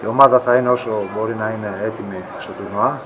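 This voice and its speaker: A man's voice: lowish voice, fairly even intonation, background noise. A man in his thirties, a team captain, speaking frankly and firmly to reporters in an arena corridor after a game. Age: 30s. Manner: frank, firm, pushes back on questions. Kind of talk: post-game interview with reporters. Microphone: reporters' phones held close.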